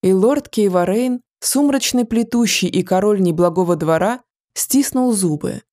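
A woman reading a fantasy audiobook in a measured, even storytelling manner. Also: medium pitch. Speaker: audiobook narrator. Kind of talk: scripted fantasy narration.

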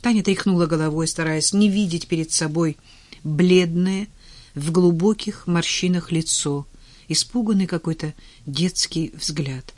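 Slow, hushed audiobook narrator. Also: medium pitch, dry recording. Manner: measured, often sinking to a hush. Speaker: audiobook reader. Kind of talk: scripted narration.

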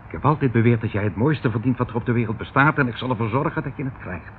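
A man with a fast, mid-range, fairly ordinary voice acts in an old Dutch radio play, its sound thin and full of hiss. His character is a captor uncle, smarmy and falsely affectionate, who puts on cultured airs and slips out of every question. He delivers it theatrically, talking down, rambling, chuckling, and sounding doting yet evasive.

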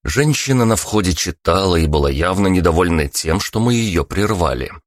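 A man narrating a first-person story in an even storytelling delivery. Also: sits low, moderate pace, no echo, clean studio sound.

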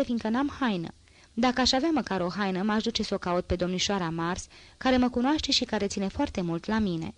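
A woman's voice: mid-range voice, dry recording, natural voice. A woman voicing a scheming, fawning old male ex-actor who begs in a whining, theatrical way, in an audiobook reading.

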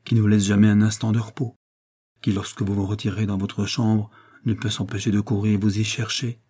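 A man's voice: on the low side, flat delivery, brisk, dark tone, husky. Man reading as a doting young woman. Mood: tender coaxing. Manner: tender, coaxing, playful. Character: affectionate young woman doting on her mother.

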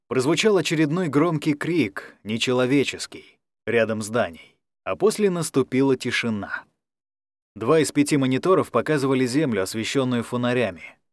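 A man's voice: medium pitch, no echo. Male audiobook narrator, dry close sound. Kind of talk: scripted narration of a science fiction story.

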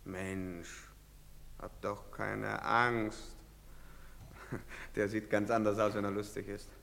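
An actor playing a brutal soldier who shouts harsh commands and mocks his victims, in a radio play. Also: fairly low pitch, little pitch movement, takes it slowly, creaky, in a large hall, a little hiss or hum, full character voice. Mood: mocking. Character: brutal barking male soldier, mocking and cruel. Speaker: soldier inspecting villagers.

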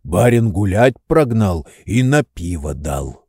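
A man voicing a lazy old manservant who grumbles and makes excuses in a low, indifferent tone. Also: big pitch swings, slow, mellow, slightly rough, dry recording, clean studio sound, exaggerated voice.

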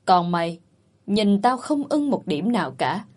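Woman reading as snooty old rich lady, cutting and scornful, breathy voice. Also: mid-range voice, sing-song, unhurried. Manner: contemptuous, cutting. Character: older rich matriarch, scornful and sharp.

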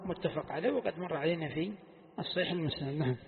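A man's voice: fairly high pitch, lively intonation, very fast, creaky. A man teaching a class as a sheikh, asking his students questions and repeating key phrases. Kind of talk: classical text lesson. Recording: echoey hall, tinny phone-like sound.

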